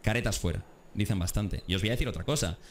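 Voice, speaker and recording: A man, a streamer in a played clip, making pointed, measured remarks to his viewers. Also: lowish voice, slight background noise.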